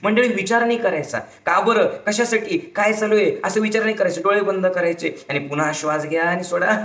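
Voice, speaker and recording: Guy with a highish voice running a group meditation, keeps chanting and pushing everyone on, big echoey room. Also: fairly bright tone. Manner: urgent, repetitive coaching with chanted calls. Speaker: meditation guide. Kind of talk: leading a group guided meditation.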